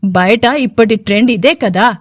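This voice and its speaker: A woman voicing a sharp-tongued, scheming middle-aged mother in a storybook, speaking reproachfully. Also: on the high side, unhurried, no room sound, studio quality. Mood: sarcastic.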